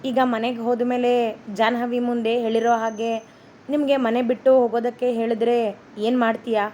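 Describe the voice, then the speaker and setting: A woman's voice: fairly high pitch, flat delivery, normal speed, warm tone, a little hiss or hum, lightly acted. Woman reading as a worried father-in-law. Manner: questioning, worried. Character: concerned older father-in-law.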